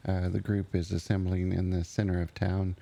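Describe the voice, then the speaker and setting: Low-voiced male game guide, fairly flat and mellow, halting, casual role-play chat. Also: vocal fry. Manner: hesitant, halting.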